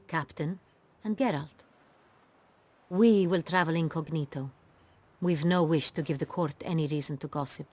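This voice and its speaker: Voicing a proud, strong-willed duchess in a fantasy game, an actress with a low voice speaks in a formal, commanding, regal manner.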